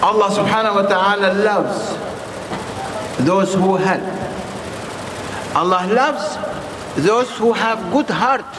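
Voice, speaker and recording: A man who is a non-native English speaker preaching informally in short, halting, repeated phrases and putting questions to his listeners. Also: high-pitched. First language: not English. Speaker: Sufi preacher addressing followers. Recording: echoey reverberant hall with clear background noise.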